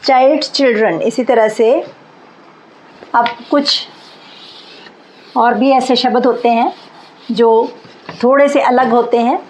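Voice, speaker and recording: A woman's voice: fairly high pitch, steady tone, slow pace, long pauses, darkish tone, slight background noise, rough recording. A woman teaching English grammar in Hindi, explaining patiently and repeating each example word.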